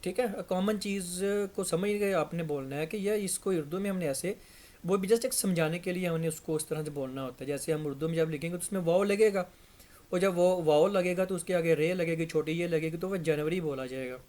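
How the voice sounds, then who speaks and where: A man's voice: sits high, fairly quick, darkish tone. A man teaching English grammar in a classroom-style lesson, explaining patiently and repeating words to drill pronunciation.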